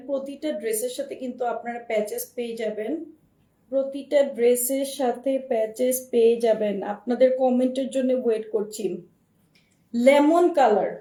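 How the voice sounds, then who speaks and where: A high, soft-toned woman with a cold-roughened voice runs a live dress showcase. She chats and loops back over her points for her viewers. She sounds set back from the mic, with a roomy echo around her. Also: distant mic. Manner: chatty, addresses viewers directly, repeats herself. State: hoarse from a cold. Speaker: online clothing seller. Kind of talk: live-stream product showcase.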